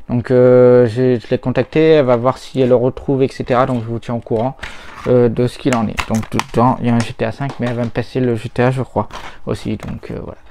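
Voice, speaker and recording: A man talking casually about old console games as he tests them, rambling and hesitant, often pausing on little filler words. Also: mid-range voice, darkish tone, slight background noise. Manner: rambling, hesitant, full of "voilà" and "hop". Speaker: retro gaming YouTuber. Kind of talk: casual chat while testing games.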